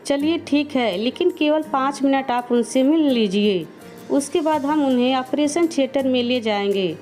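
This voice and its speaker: Storybook doctor, formal and instructive, read by a woman in her own high voice. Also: lively intonation, measured pace, darkish tone, faint music behind. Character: calm hospital doctor.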